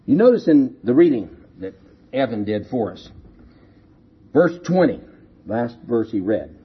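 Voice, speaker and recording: A man preaching slowly and deliberately, his voice rising and falling widely as he stresses each point. His tone is somewhat husky, and the recording sounds dull and lo-fi. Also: fairly high pitch. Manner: slow, emphatic, repeats key phrases and asks rhetorical questions. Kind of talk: sermon.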